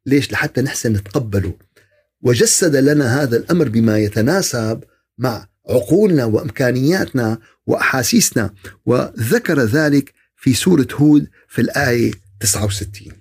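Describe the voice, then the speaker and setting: A man's voice: medium pitch, lively intonation, a little fast, a little mellow, husky. A man giving a podcast religious talk, asking rhetorical questions and answering them himself. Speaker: religious speaker.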